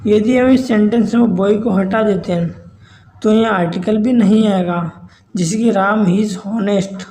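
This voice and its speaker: A man's voice: high-pitched, fairly even intonation, measured pace, darkish tone, low-quality recording. A man teaching a grammar lesson, who poses questions and answers them himself and keeps checking in with his listeners.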